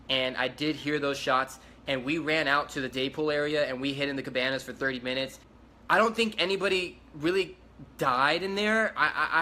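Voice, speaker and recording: A man's voice: medium pitch, bright, forceful tone, a little hiss or hum. A man giving a spoken eyewitness account, talking urgently, repeating himself and restarting his sentences. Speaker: eyewitness survivor.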